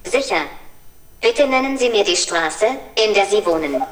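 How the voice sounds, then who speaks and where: A woman's voice: medium pitch, animated, normal speed, a little hiss or hum. A synthetic female voice of a humanoid service robot, speaking in polite, cheerful assistant phrases during a scripted demo. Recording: roomy and far from mic.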